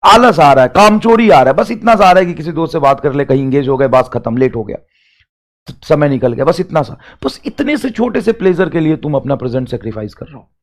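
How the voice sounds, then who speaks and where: A young male teacher talks to students preparing for exams, pushing them hard in an emphatic, repetitive way. His voice sits a little above the usual male pitch, and he rises into loud urging before dropping to quiet, confiding asides. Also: expressive, fairly quick. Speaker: teacher giving a motivational talk. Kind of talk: motivational talk to exam students.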